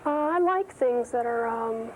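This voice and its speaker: American woman in her 20s chatting as a tv guest, highish voice, old tape with clear hiss. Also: expressive, unhurried. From United States. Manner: casual, answers in loose run-on sentences. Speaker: fashion designer guest. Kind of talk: studio interview. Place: TV studio. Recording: noisy early-1990s TV audio.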